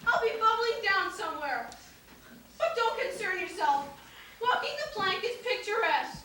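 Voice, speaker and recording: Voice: very high voice, sing-song, moderate pace, background noise. A stage actor playing a fussy, melodramatic middle-aged aunt with a theatrical, swooping delivery. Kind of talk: stage musical acting. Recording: echoey hall, distant mic.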